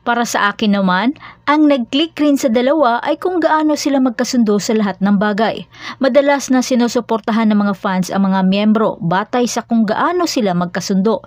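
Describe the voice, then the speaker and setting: A woman reading scripted narration for a fan channel in a steady, explanatory way. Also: a little high, moderate pace, no room sound.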